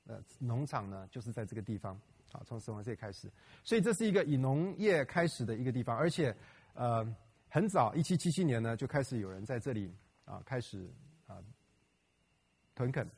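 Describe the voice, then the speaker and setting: Middle-aged male pastor, husky, chatty church-talk delivery with lots of fillers. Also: medium pitch, sing-song, fairly quick, a little mellow. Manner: conversational, with many fillers and rhetorical questions. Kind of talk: church talk on local history and prayer.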